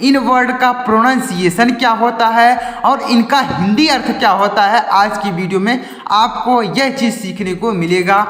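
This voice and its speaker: High-voiced man teaching English words. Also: fairly bright tone. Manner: spells words letter by letter, repeats each answer; asks questions then answers them himself. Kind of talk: spoken Hindi lesson. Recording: echoey room with long reverb. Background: faint music.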